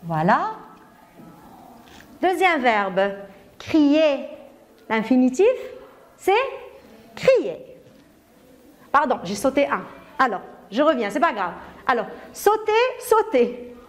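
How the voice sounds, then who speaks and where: A woman with a Moroccan accent leads a grammar class for young pupils. Her voice sits high and swings widely in pitch. She speaks slowly, asks question after question and praises correct answers. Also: very animated. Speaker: primary school teacher. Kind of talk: grammar lesson.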